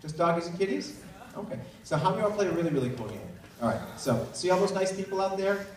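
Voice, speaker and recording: A man works a live stage as a hypnotist, talking fast with swooping pitch. He coaxes volunteers with simple, repeated questions. The sound is distant and swims in hall echo over loud noise. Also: animated. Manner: simple coaxing questions, repeats the answers back. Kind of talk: live stage show patter, questioning volunteers like small children. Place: live stage before an audience.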